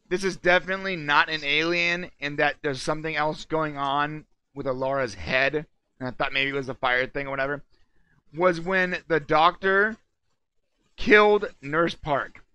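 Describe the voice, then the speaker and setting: A man with a high, bright voice talks through a TV episode in a loose, excited ramble, full of quick asides. He sounds like a casual co-host reviewing a show, recorded close and dry with no room sound. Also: clear, resonant tone, no echo.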